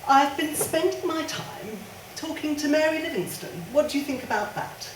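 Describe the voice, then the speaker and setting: Actress playing a grieving widow, stage play, firm and emphatic, roomy sound from afar. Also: female voice, high-pitched, background noise, lightly acted. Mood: earnest. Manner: firm, emphatic, halting restarts. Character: spirited grieving widow Isabel, defiant. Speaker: stage actor. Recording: echoey stage sound from a distance.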